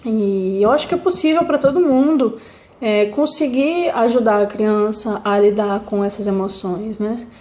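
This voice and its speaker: A young woman with a Brazilian Portuguese accent, a mother sharing parenting advice in a gentle, reflective way, with fillers and restarts. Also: medium pitch, measured pace. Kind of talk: casual talk to camera. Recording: echoey room.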